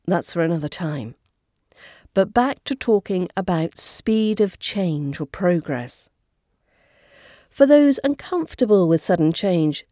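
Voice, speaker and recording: A woman, a coach giving a scripted, clear and measured lesson. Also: medium pitch, dark tone, no echo, clean studio sound. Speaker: accent coach. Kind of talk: scripted teaching narration.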